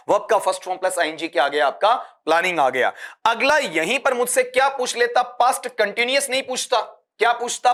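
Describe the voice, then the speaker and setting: A man's voice: high voice, a bit bright. A man teaching an exam-prep grammar lesson, calling his students "beta" and asking questions that he then answers himself.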